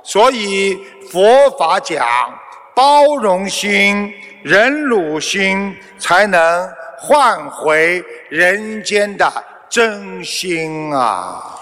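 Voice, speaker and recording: Male Buddhist teacher, measured sermon delivery, slightly high voice. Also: animated, fairly bright tone, in a large hall. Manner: slow, measured, preaching. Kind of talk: sermon with a told parable.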